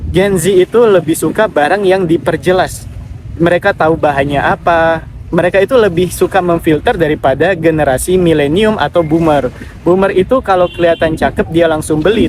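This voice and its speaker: A man's voice: fairly high pitch, background noise. A man hosting a casual live Q&A, giving direct advice and reading out viewer comments. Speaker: affiliate marketing livestreamer.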